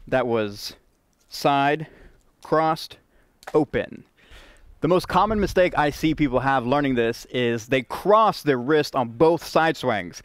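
A man's voice: mid-range voice, clear, resonant tone, no room sound. Upbeat man coaching rhythm, dry sound. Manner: upbeat, counts rhythms aloud, playful. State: out of breath at times. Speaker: jump rope coach. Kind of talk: instructional video demo.

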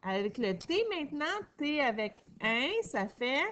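A woman's voice: on the high side, lively intonation, a bit bright. Encouraging Québécois woman teacher. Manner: encouraging, sounds words out slowly. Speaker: primary school teacher. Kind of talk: reading lesson for children.

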